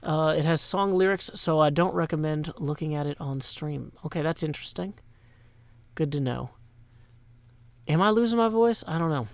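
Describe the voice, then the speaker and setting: A middle-aged Nashville, Tennessee man, sounding a little tired, keeps his live-stream chat playful with rhyming asides and long greeting lists. His voice is on the high side and creaky, at normal speed with no echo, picked up by a microphone on a stand.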